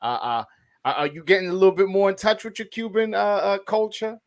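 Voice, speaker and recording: A man interviewing casually about sport, haltingly, often repeating words as he forms his questions. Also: high voice.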